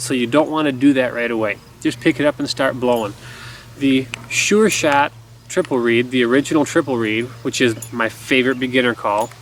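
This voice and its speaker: A man in his thirties giving a casual, easygoing instructional talk in an explanatory way. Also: mid-range voice. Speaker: duck call instructor. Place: outdoors in a garden by woods. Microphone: camera a few feet away. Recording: outdoor camera audio with background noise.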